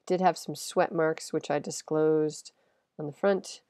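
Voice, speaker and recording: An eBay reseller vlogger, congested and nasal from a cold, chats casually through her sales recap, rambling and correcting herself. Her voice is low-pitched, mellow and steady, a little slow, with no echo.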